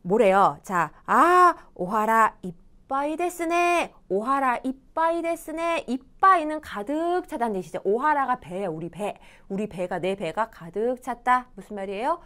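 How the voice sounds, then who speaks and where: A woman teaching a Japanese lesson, explaining grammar patiently and reading example dialogues slowly and clearly. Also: on the high side, expressive, a bit bright. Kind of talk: video lecture explaining grammar.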